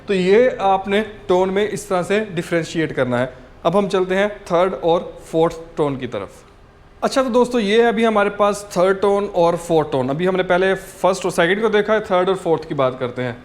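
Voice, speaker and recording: A man teaching a language lesson in a patient, explanatory way, often checking in with "okay" and sounding out examples. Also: high-pitched.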